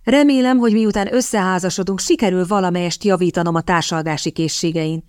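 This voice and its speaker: A woman reading the part of a quick-witted young woman hunting a rich husband, teasing and sharp-tongued. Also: on the low side, clear, resonant tone, no echo, studio quality, close to an everyday voice. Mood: playful.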